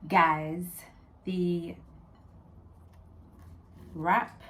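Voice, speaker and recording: A woman's voice: lowish voice, noisy background. A woman vlogging a casual cooking demonstration, chatting viewers through each step.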